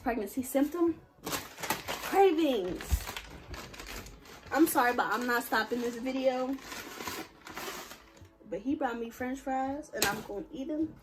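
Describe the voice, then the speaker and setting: A woman's voice: high voice, measured pace, pauses often, noisy background. A young woman in her early twenties, talking candidly and with giggles to the camera at home in a casual vlog. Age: early 20s. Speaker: vlogger.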